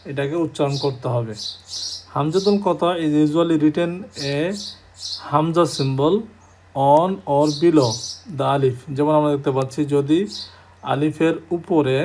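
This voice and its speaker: Male teacher, slightly raised pitch, steady explaining delivery, faint hiss behind. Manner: reads out English points slowly, then explains in a measured way. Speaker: Arabic teacher. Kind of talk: explaining a textbook lesson.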